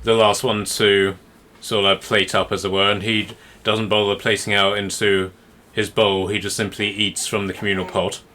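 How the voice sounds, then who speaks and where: A man narrating a tabletop game as game master, in a halting, rambling, improvised way. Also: fairly low pitch, flat delivery, pushed and bright, a little hiss or hum.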